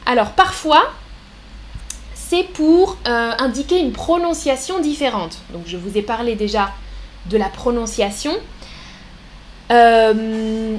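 A woman teaching a live online French lesson, explaining patiently, repeating example words slowly and answering viewers in the chat. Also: fairly high pitch, a little hiss or hum. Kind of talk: live-streamed language lesson.

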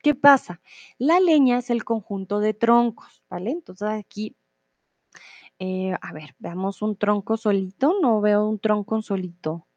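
A woman's voice: medium pitch, unhurried, darkish tone, dry recording, muffled recording. A woman teaching Spanish on a live stream, explaining expressions patiently and reading out viewer comments. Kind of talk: live-streamed language lesson.

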